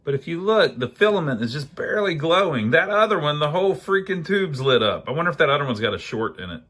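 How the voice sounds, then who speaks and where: A man with a fairly high, sing-song voice moves at a quick pace, sounding a bit bright. Hosting an amateur electronics repair video, he narrates casually and folksily while thinking aloud over the work.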